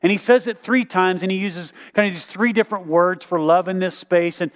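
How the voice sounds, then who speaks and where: Pastor, male, animated sermon storyteller, a touch high, reverberant hall. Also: fairly quick. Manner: animated storytelling, acts out quotes.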